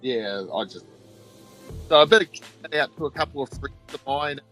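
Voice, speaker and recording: A man's voice: mid-range voice, animated, normal speed, a bit bright, soft background music. Man on a crackling, cutting-out mic. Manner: hesitant, many fillers. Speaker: community show host. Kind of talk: casual chat.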